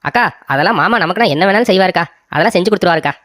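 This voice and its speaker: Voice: medium pitch, lively intonation, racing, a bit bright, no room sound, clean studio sound, natural voice. A voice actor playing a cheeky young brother-in-law in a cartoon comedy, wheedling for a gift.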